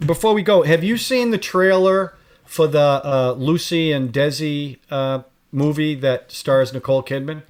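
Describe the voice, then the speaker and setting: Chatty fifties male co-host, a touch high, casual film talk over video call. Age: 50s. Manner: chatty, lively, quick to chime in. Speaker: podcast co-host. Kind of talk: casual movie chat.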